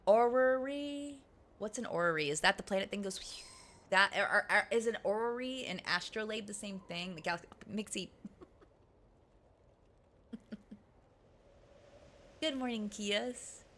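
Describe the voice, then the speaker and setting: A woman game streamer chatting casually with her live audience, giggly and animated, laughing often. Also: medium pitch, unhurried, pauses often, slight background noise.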